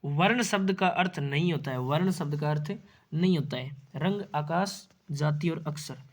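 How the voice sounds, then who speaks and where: A man's voice: fairly high pitch, normal speed. A man teaching an exam-prep lesson, asking questions and then answering them himself, repeating key words.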